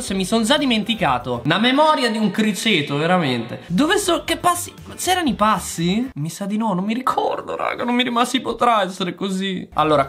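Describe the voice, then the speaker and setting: Excitable man with a lively, bouncing voice. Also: sits high. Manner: excitable, exclamatory, talks straight to viewers. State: voice going hoarse. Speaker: gaming channel host. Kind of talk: casual gameplay commentary.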